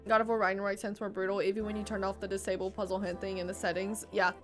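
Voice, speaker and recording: A woman's voice: medium pitch, flat delivery, fast talker, a bit bright. A woman livestreaming a video game, chatting casually with viewers, swearing freely and laughing often. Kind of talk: casual gameplay chat. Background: game music.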